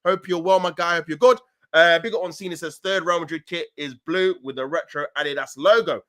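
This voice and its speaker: Young man, casual stream host, slangy, quick to laugh, slightly high, bright tone. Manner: slangy, laughs often, loose and animated. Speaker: football channel host reading live chat. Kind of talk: casual live-stream chat.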